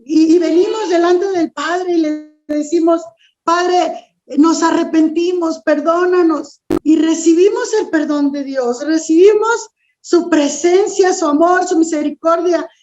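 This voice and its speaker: A woman's voice: very high-pitched, unhurried, darkish tone, lo-fi sound. A woman preaching a sermon, speaking earnestly and directly to the listener.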